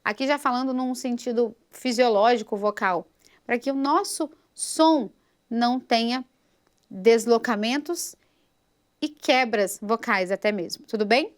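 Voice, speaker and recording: A woman teaching a singing lesson, patiently explaining phrasing and checking in with her students as she goes. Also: a little high. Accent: Brazilian Portuguese. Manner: patient, explains slowly, checks in with "tudo bem?". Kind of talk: vocal lesson with sung examples.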